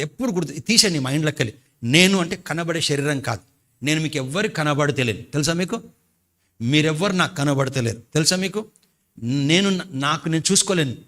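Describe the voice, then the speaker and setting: A male pastor from India, preaching with a bright, forceful, fairly high voice. He surges into loud, emphatic peaks and slips English phrases into his sermon.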